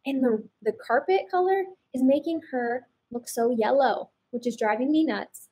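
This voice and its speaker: A woman's voice: sits high, lively intonation, moderate pace, dark tone, breathy edge, rough recording. A woman hosting a casual fashion color chat, upbeat and explaining things to viewers. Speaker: color analyst host.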